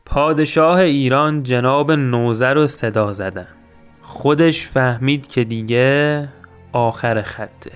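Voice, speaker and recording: A man hosting a podcast who retells an old epic in casual, joking speech and recites verse lines between the storytelling. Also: medium pitch. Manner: colloquial and joking, mixes slang with chanted epic verse. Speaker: podcast host retelling the Shahnameh.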